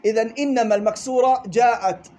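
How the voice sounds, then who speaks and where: A man's voice: very high-pitched, steady tone, quick pace, darkish tone. A man teaching a classroom lesson on Quran recitation rules, explaining step by step, repeating key points and checking with his students. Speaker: tajweed teacher.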